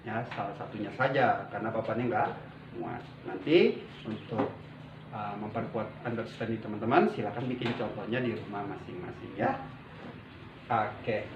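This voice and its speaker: A man with a mid-range voice teaches an English grammar lesson in a classroom with a whiteboard, patiently drawing out example sentences. The distant mic gives a dull, roomy sound, and the background is noisy.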